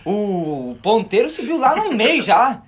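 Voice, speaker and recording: A young man with a southern Brazilian accent from Rio Grande do Sul, a podcast co-host telling a story in slangy, animated casual chat. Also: sits high, slow.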